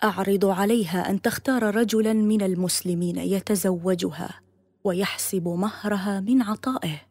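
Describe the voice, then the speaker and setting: A woman narrator voicing a wise, calm man in a told story, measured and kindly. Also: medium pitch, no room sound, studio quality, natural voice.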